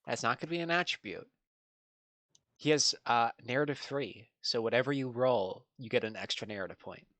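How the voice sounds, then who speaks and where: A man running a tabletop game as game master, explaining rules in a measured way with fillers. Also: mid-range voice, a bit bright, no echo.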